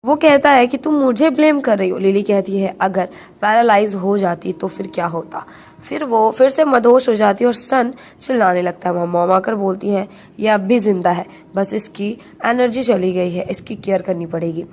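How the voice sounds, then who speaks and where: A woman narrates a drama recap in a chatty, quick storytelling manner, voicing each quoted line in her own everyday voice. Her voice sits at a middle pitch with a slightly gravelly, fry-tinged edge. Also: darkish tone, slight background noise.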